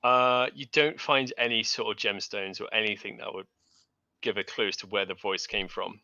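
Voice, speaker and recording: A man runs an online tabletop game as game master. His low voice has a sharp, forceful edge and a creaky fry. It is recorded dry, with slightly limited sound. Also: steady tone, normal speed, dry recording, dull audio. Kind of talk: running an online tabletop role-playing game.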